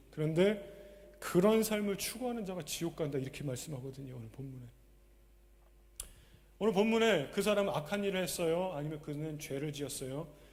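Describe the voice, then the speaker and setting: A man preaches at a live church service in a slightly high voice, asking his listeners question after question. He bursts into loud, emphatic lines and then drops to quiet asides. His voice carries the long reverb of the church hall. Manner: asks the congregation rhetorical questions. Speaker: pastor. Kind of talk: sermon.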